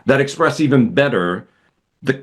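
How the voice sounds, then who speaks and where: A man hosting a music interview, talking in a playful, expressive way and drifting into little voices and analogies. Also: medium pitch, moderate pace. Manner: expressive, playful, breaks into impressions. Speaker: interview host. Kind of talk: casual interview conversation.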